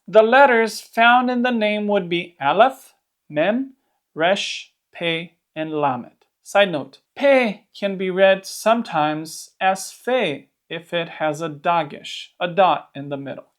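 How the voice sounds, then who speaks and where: The host of a Bible history channel, a native Romanian speaker with a noticeable accent, delivers a scripted educational narration in English at medium pitch. He explains things clearly and sprinkles in playful asides.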